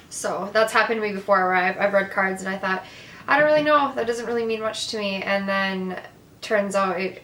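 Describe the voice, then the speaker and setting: A woman's voice: medium pitch, a bit bright, reverberant, slight background noise, poor audio. A woman chatting casually to camera as a vlogger, giggly and full of fillers, recorded at home on a camera mic. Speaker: makeup vlogger doing a tarot reading.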